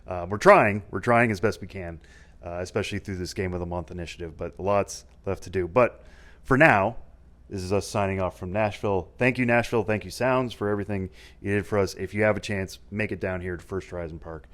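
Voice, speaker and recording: A man's voice: sits low, brisk, fairly bright tone. A man hosting a podcast, chatting casually. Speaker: podcast host.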